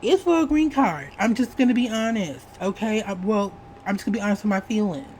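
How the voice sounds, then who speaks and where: A woman's voice: mid-range voice, expressive, brisk, a little mellow, slight background noise, rough recording. A woman giving casual reaction commentary on a video channel, chatty and repetitive, hedging her opinions and calling the viewer "honey". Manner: chatty, repeats herself, hedges with "allegedly", says "honey". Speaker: commentary YouTuber.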